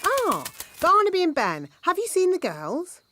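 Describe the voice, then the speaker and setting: A woman voicing a bossy, scatterbrained fairy nanny in a children's cartoon, brisk and matter-of-fact. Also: extremely high pitch, wildly swooping pitch, noisy background, exaggerated voice. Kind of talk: animated children's cartoon voice acting.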